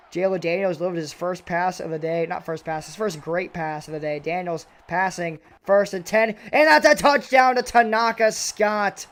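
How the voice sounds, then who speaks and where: Commentating a football video game, this young man has a somewhat raspy, excitable delivery. Whenever a big play happens, his voice shoots up in pitch and volume.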